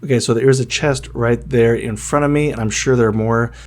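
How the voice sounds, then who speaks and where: A man casually narrating and commenting on his own gameplay, often dropping to a hushed, whispery voice while sneaking. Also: medium pitch, steady tone, fairly quick. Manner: chatty, drops to a hushed whisper when sneaking. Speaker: gaming YouTuber. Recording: faint music underneath.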